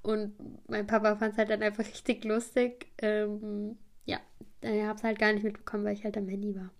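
A woman's voice: medium pitch, level tone, normal speed. A woman hosting a podcast, telling a story in a rambling, chatty way with many fillers. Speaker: podcast host.

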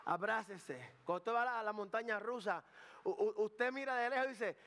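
A man's voice: sits high, a little fast, fairly bright tone. A male pastor giving a sermon in a conversational style, joking, making asides, dropping in English words and often repeating himself. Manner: conversational preaching with jokes and asides. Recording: long hall reverb.

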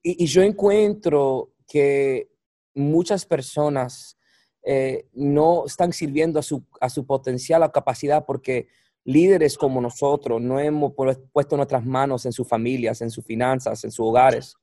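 Preacher, dry close sound. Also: male voice, mid-range voice, fairly even intonation, mellow, no echo. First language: English. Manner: halting, searching for words, repeating for emphasis. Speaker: pastor, guest. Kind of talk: conversational preaching on scripture.

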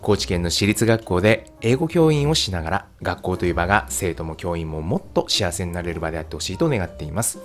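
A man's voice: quick pace, hardly any pauses, faint music behind. A man hosting a casual solo podcast, chatting with many fillers and laughs. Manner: chatty, frequent fillers and laughs, lively pitch. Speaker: podcast host and English teacher.

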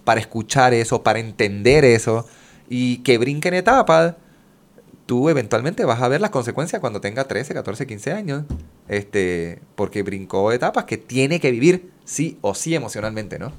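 A man talks casually as a guest on a show. He explains things with lots of examples and a lively, slangy delivery, and his voice sits at an ordinary middle pitch. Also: normal speed. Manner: animated, explains with examples, Caribbean Spanish slang. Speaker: guest, music therapist. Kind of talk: casual conversation.

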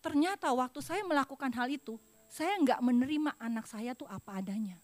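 A middle-aged woman preaching a confessional sermon from a church pulpit, moving between loud emphasis and hushed apology. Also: high-pitched, fairly quick.

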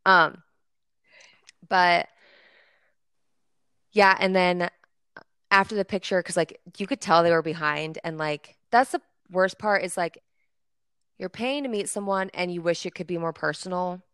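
Young female podcast co-host, chatty storyteller, smooth voice, dry close sound. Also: lowish voice, a little slow, pauses often, fairly bright tone, no echo. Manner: chatty, filler-heavy storytelling. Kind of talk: casual chat.

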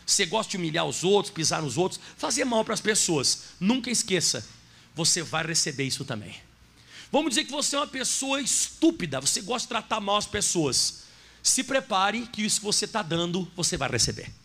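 A man's voice: high-pitched, very animated, fairly quick, vocal fry, sharp tone. A man preaching a sermon as pastor, telling a story and speaking directly to his congregation.

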